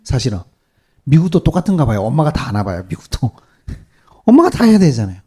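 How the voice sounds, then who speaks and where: A male pastor preaching a sermon to his congregation, animated and peppering them with rhetorical questions. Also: medium pitch, fairly quick, husky. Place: church service.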